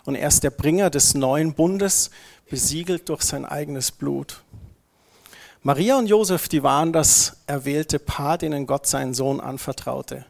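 A man, a pastor preaching a casual, lively sermon in a free church service, reading scripture and mixing in slang. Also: on the high side, measured pace, vocal fry.

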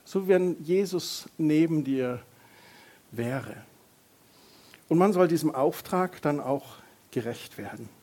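A middle-aged man preaching a lively sermon as a pastor, joking with the congregation and raising his voice for emphasis. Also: a little high, slow, long pauses. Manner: lively, varies loudness for emphasis, jokes with congregation.

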